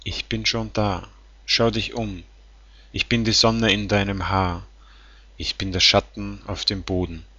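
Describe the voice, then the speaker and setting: A man slowly reading song lyrics aloud in a calm, tender, measured way. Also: fairly low pitch, no echo. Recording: dull lo-fi sound.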